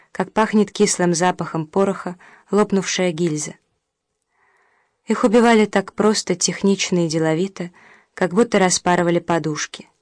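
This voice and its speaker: A woman reading a novel aloud as an audiobook narrator, measured and somber. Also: mid-range voice, a little mellow, no echo, clean studio sound.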